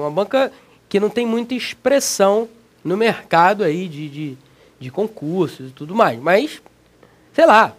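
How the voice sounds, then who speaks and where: A man with a Brazilian Portuguese accent teaching an energetic exam-prep video lesson, slangy and emphatic, talking straight to the student. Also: high voice.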